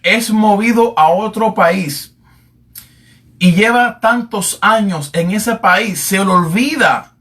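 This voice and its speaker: A man preaching a Bible lesson in sermon style, repeating himself, filling pauses and calling his listeners beloved. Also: high voice, fairly bright tone, far from the mic. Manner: repetitive, addresses listeners as "amado", many fillers.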